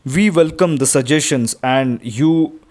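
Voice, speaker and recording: A man's voice: on the high side, a little slow, darkish tone. A man with an Indian accent narrating a travel vlog from a script. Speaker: travel vlogger. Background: music.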